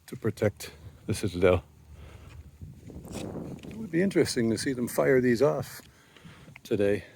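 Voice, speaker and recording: A man narrating a casual walking tour of an old fortress outdoors, rambling with many pauses and fillers, recorded on a handheld camera mic. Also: mid-range voice, big pitch swings, vocal fry, a little mellow, slight background noise. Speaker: tour guide vlogger.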